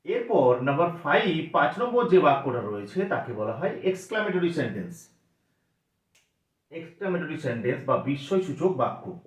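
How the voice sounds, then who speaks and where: A man's voice: a little high, very animated, normal speed. A man teaching a grammar lesson for exam preparation, explaining step by step and asking his students questions that he then answers himself. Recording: echoey, dull lo-fi recording.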